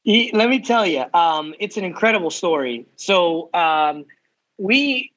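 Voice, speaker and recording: A man in his forties from the United States tells his own story as a podcast guest. His voice sits a little high and he moves through it with eager energy and quick asides. The audio is slightly dull and lo-fi. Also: animated, a bit bright. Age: 40s. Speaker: guest, ministry founder. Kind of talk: podcast interview.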